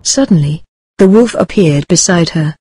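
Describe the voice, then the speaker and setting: A woman narrating a storybook tale in a soft, even reading voice. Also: on the low side, normal speed, husky, no room sound.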